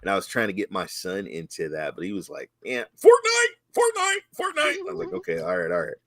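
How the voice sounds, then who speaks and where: A man co-hosting a casual chat, telling nostalgic stories with excited exclamations. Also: low-pitched, fast, dry recording. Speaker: co-host.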